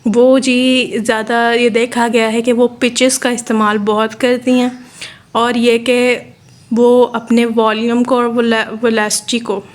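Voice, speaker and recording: Woman lecturing with a flat, even tone. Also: on the high side, a little slow. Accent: Pakistani. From Pakistan. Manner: steady, explanatory, repeats points, frequent fillers. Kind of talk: explaining a lesson in Urdu mixed with English terms.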